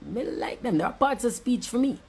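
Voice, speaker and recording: A woman's voice: on the high side, expressive, normal speed, vocal fry, darkish tone, slightly rough. A woman with a Jamaican accent delivering an angry, profane rant, switching between patois and standard English. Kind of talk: angry ranting monologue.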